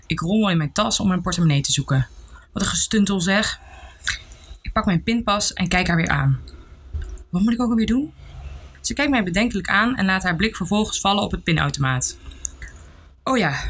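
A young woman reading her own first-person memoir aloud in an earnest, soft-spoken way. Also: fairly low pitch. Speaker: narrator of her own story.

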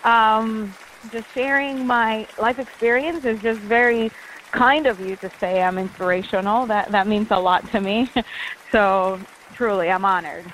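A woman's voice: fairly high pitch, steady tone, a little slow, fairly bright tone, slight background noise. A woman in her thirties from Panama with a Panamanian Spanish accent and Spanish as her first language. She is a meteorologist talking in a radio interview, friendly and chatty, with fillers and small laughs. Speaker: guest meteorologist. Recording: dry, tinny phone line.

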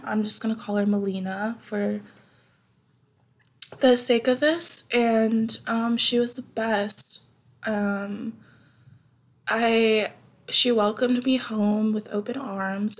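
Young woman with a gravelly dry voice. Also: fairly high pitch. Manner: rambling, many fillers and restarts. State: dry throat, talking quietly. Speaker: podcast host. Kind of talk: casual podcast monologue.

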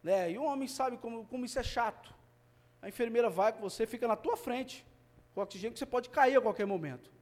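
A man with a Brazilian Portuguese accent preaching a sermon and sharing a personal testimony, his delivery swinging between hushed and fervent. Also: very high voice, fast talker. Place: family church service.

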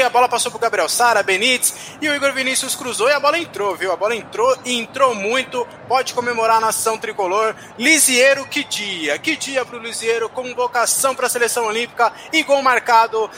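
A man's voice: very high voice, sharp tone, a little hiss or hum. A Brazilian man giving live football analysis, recapping plays conversationally and repeating phrases as he goes.

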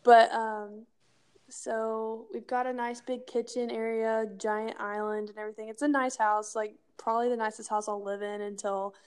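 Young female podcast co-host, highish voice, chatty slangy banter with lots of filler "like". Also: flat delivery, moderate pace, darkish tone, clean tone. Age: young adult. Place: kitchen at home.

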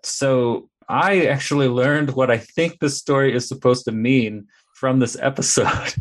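A man hosting a casual podcast roundtable, talking in an animated way and acting out quotes in a raised voice. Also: mid-range voice, unhurried. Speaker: podcast host.

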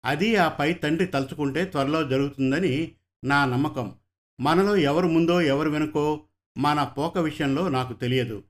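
A man reading the soft, affectionate lines of an elderly father, a retired teacher, in a storybook. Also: fairly high pitch, normal speed, natural voice. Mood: tender.

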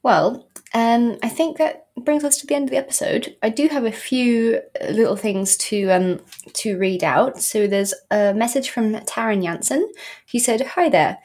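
A woman's voice: on the high side, measured pace, darkish tone. Woman co-hosting a chatty podcast. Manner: chatty, with many fillers. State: losing her voice a bit. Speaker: podcast co-host. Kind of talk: casual podcast chat.

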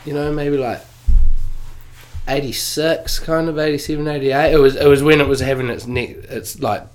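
A man in his forties with a New Zealand accent, a guest in a casual interview, talking in a relaxed, slangy way with lots of fillers. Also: fairly high pitch, normal speed, soft background music. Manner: laid-back slangy, many fillers and swearing. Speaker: guest snowboarder.

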